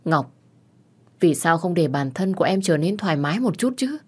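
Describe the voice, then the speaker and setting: Low husky woman reading a story. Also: animated. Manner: soft, measured reading, voicing all characters herself. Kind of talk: first-person audio story narration. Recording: soft music underneath.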